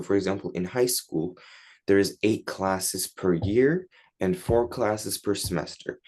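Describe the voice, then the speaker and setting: In a lowish, slightly mellow voice, a Turkish teenage guest chats through interview questions in informal English. Turkish is his first language, and his answers are sprinkled with plenty of likes and you-knows.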